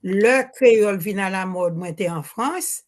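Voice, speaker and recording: An older woman from Haiti speaks into a handheld microphone, her French full of Haitian accent and Creole turns. She restarts her sentences and gropes for words, her pitch sitting in an ordinary middle range. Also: unhurried. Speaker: audience member asking a question. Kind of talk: spontaneous remarks at a public Q&A.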